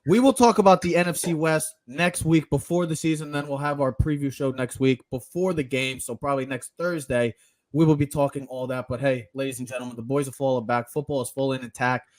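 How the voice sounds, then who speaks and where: A man hosting a sports podcast, teasing his co-hosts and running the show in an energetic, casual way. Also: medium pitch, fairly quick, no room sound, studio quality. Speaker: podcast host. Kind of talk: casual chat and sports talk.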